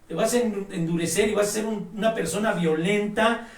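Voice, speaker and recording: Man, high voice, preaching an emphatic sermon, recorded from a distance in an echoey room. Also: fairly quick, vocal fry. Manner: emphatic, exhorting, addresses listeners directly.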